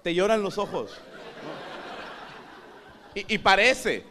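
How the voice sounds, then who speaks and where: A man with a northern Mexican accent performs a stand-up routine, crude and self-mocking, and acts out the voices he quotes. His voice sits high for a man and swings up and down expressively. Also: very animated, very slow, sharp tone, a little hiss or hum. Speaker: stand-up comedian. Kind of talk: stand-up comedy monologue.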